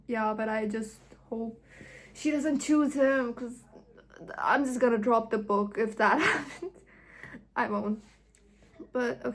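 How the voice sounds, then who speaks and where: A young woman chatting casually in a reading vlog, gushing and rambling about a book. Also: on the high side. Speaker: book vlogger.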